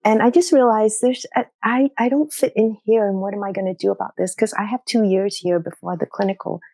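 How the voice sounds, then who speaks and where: A middle-aged Singaporean woman, a doctor, appears as a podcast guest in a conversational interview, reflecting on her career path and often adding "you know" and "right?". Her mid-range voice is mellow and fairly quick, with fairly even intonation and no room sound.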